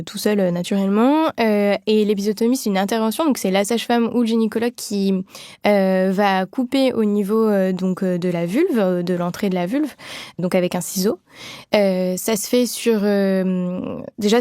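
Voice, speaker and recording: A woman's voice: medium pitch, dark tone, dry recording, studio quality. A woman midwife explaining things in a podcast interview, with many fillers and restarts.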